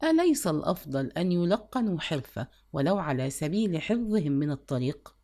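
A woman's voice: sits low, very animated, fairly quick, warm tone, voice pushed down, full character voice. A woman voicing a weary shopkeeping mother in a read-aloud story, sorrowful but firm.

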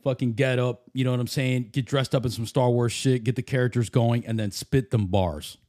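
A man's voice: medium pitch, fairly even intonation, fairly quick, a little mellow, no room sound, clean studio sound. A man chatting casually like a frat bro, full of slang and swearing. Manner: frat-bro slang, says bro and dude often. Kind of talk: casual hype chat.

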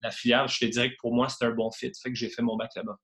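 This Quebec man in his thirties talks rapid-fire at a medium pitch that barely moves, his tone fairly bright and his Quebec French accent clear. Relaxed as a remote podcast guest, he keeps stumbling through fillers and restarts.

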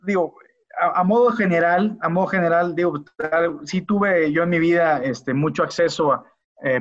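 A man speaks as a guest in a casual podcast interview. His voice sits a little high, and he talks earnestly, doubling words as he restarts his sentences. The audio is dull and lo-fi.

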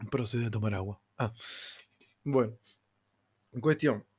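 A man's voice: mid-range voice, a little slow, a little hiss or hum. A young man with a Rioplatense Spanish accent telling funny anecdotes in a casual, slangy way, laughing as he goes. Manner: laughing, slangy, animated retelling with quoted voices. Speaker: storyteller.

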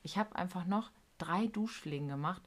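Casting: woman, low voice, slangy storyteller, casual podcast co-host. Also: normal speed. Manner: animated storytelling, acting out quotes, slangy. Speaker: podcast co-host, care worker.

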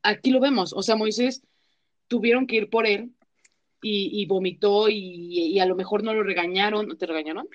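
A woman's voice: mid-range voice, moderate pace, lo-fi sound. A young woman with a Mexican accent, co-hosting a casual chat and telling stories in a slangy way, full of fillers. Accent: Mexican Spanish. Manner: chatty, slangy storytelling with many fillers. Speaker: podcast co-host.

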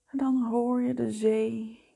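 A woman leading a guided meditation in a soft, breathy voice that often fades towards a whisper, soothing, gentle and unhurried. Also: a little high, flat delivery. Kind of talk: slow guided meditation narration.

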